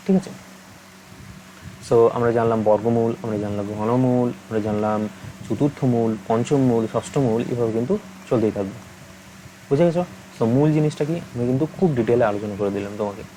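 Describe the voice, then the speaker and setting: A young man teaching an online maths lesson, patient and steady, checking in with the listener again and again. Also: mid-range voice, fairly quick, a little hiss or hum, rough recording. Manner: patient, asks many check-in questions.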